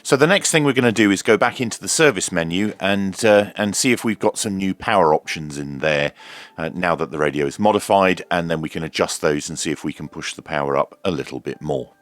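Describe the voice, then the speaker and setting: A man who presents radio review and repair videos gives an unscripted, hands-on tutorial in a low-pitched voice. He talks fairly quickly but in hesitant, piecemeal phrases full of ums.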